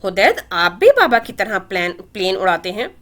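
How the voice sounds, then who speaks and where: A woman's voice: mid-range voice, big pitch swings, moderate pace, fairly bright tone. A woman voicing an innocent, chatty three-year-old girl who asks eager questions in a storybook reading.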